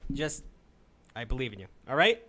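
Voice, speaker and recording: With a mid-range, sing-song voice that sounds pushed and bright, a New England man in his twenties runs a casual call-in livestream at a moderate pace. His advice comes as a loose, rambling pep talk peppered with swearing.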